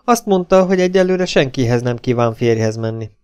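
An excitable, fussy old professor, as a male audiobook narrator puts him on, pitched well above the narrator's own voice and loud. He exclaims and draws his words out slowly. The tone is fussy and eager. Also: smooth, natural voice.

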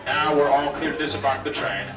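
A man making live safety announcements as a train conductor over an outdoor loudspeaker, with firm, repetitive, polite instructions. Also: a little high, fairly quick, distant mic, music in the background. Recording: echoey loudspeaker heard from afar.

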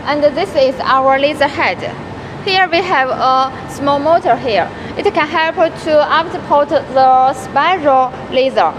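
A young woman in her twenties presenting a welding machine, talking haltingly with many restarts. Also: high-pitched. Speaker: product presenter. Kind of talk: product demonstration in English. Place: large factory workshop. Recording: noisy factory floor.

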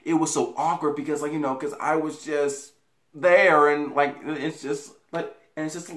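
A young man's voice on the high side, fairly bright and level in tone, carries a casual story to camera at a moderate pace. The young American rambles, swears and repeats himself. A camera mic a few feet away records him in a small, echoey bedroom.

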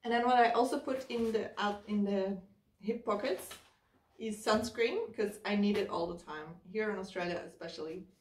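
A woman's voice: medium pitch, normal speed, a little hiss or hum. Woman in her 30s talking thru packing her hiking bag, step by step, echoey room, mic kinda far off. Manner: chatty, explains step by step while packing. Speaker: hiking vlogger. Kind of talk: casual how-to walkthrough. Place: living room, indoors. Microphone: camera mic from across the room. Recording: roomy, slightly distant camera sound.

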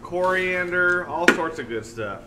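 A man's voice: high-pitched, lively intonation, a little slow, recorded from a distance. A man co-hosting a live cooking demo in a restaurant kitchen, upbeat with punchy exclamations. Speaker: cooking show co-host. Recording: loud kitchen noise.

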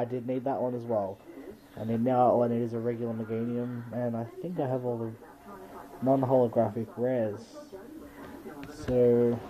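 A man's voice: mid-range voice, dark tone, low-quality recording. A man casually commenting as he hosts an unscripted unboxing video, listing items one by one in a matter-of-fact way. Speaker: trading card pack-opening video host. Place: bedroom, indoors.

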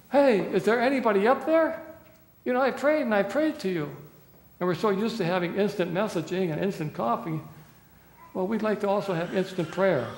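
A man in his sixties, a pastor preaching a sermon, dramatic, swinging between loud pleading and hushed quiet lines, recorded from a distance in a small church. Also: high-pitched. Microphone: far camera. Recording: echoey church hall, roomy reverb.

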